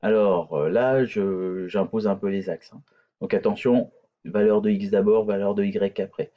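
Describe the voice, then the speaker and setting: Deep-voiced man teaching in a screencast. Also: fairly even intonation, moderate pace, muffled recording. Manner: hesitant, many fillers and restarts. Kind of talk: screencast coding tutorial.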